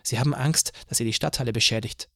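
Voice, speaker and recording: A man voicing a worried male organizer in an audiobook, talking in an urgent, hurried way. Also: mid-range voice, sharp tone, dry recording, studio quality.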